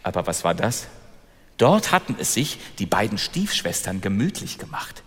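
Animated male storyteller in a hall. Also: on the low side, moderate pace. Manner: animated, asks the audience questions. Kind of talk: live fairy-tale telling to an audience. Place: hall with a live audience. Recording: long hall reverb, faint music.

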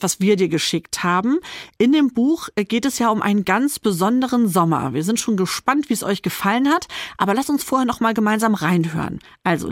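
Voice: medium pitch, no room sound, clean studio sound. Chatty host of a children's book show. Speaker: radio host. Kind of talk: friendly children's radio presenting.

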